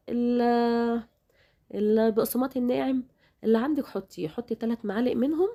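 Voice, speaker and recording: A woman with an Egyptian Arabic accent hosts a home cooking demonstration for her cooking channel, chatting directly to her viewers. Her voice is a little high and warm in tone, though slightly worn from a recent illness.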